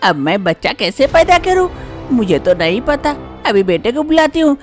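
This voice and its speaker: A woman voicing an anxious elderly village mother-in-law who fusses in a shrill, urgent voice, with lively swings in pitch. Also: moderate pace, soft background music. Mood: fretful urging.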